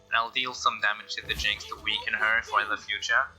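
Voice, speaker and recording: A man's voice: on the low side, flat delivery, brisk, pushed and bright, soft background music, rough recording. A man giving casual game commentary, thinking aloud in a hesitant way. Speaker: gameplay commentator.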